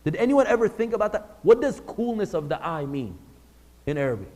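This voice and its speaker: Under long hall reverb, a religious teacher talks to a live class in a warm, high-sitting voice with big pitch swings and a slightly fast pace. His style is conversational, and he asks the audience questions.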